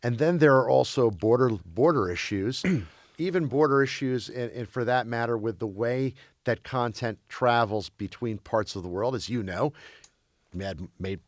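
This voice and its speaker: A man raised in Belgium is a guest in a casual conversation, frequently stopping to restart and repeat his words. His mid-range voice runs at normal speed, with clean studio sound and no echo.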